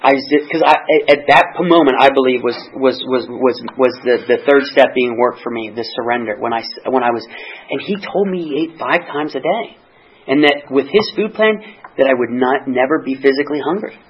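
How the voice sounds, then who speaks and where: A middle-aged man giving a personal recovery testimony, halting and restarting, often repeating words. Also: mid-range voice, husky. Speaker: speaker sharing a recovery story. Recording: dull lo-fi recording.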